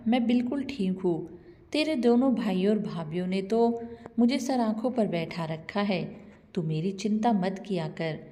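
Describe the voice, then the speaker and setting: A woman's voice: medium pitch, expressive, normal speed, mellow, close to an everyday voice. A woman voicing a meek elderly mother. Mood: brave. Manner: meek, pleading. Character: elderly widowed mother, gentle and trusting. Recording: long reverb.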